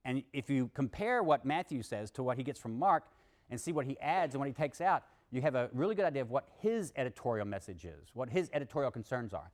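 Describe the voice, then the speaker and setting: A man lecturing to students, animated, reading passages aloud with emphasis and adding wry asides. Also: mid-range voice, quick pace. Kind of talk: university lecture.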